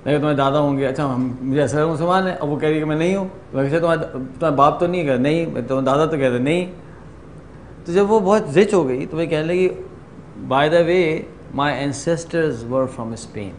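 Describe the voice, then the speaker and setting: Lively middle-aged man lecturing a class. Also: a little high, a little hiss or hum. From Pakistan. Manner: animated storyteller, acts out quoted exchanges, mixes in English. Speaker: workshop trainer. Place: training room with a group.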